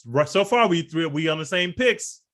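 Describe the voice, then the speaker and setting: A man's voice: on the high side, animated, moderate pace, fairly bright tone. A man co-hosting a casual podcast, talking fight picks in a laid-back, slangy way and laughing often. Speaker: podcast co-host. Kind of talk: casual sports betting chat.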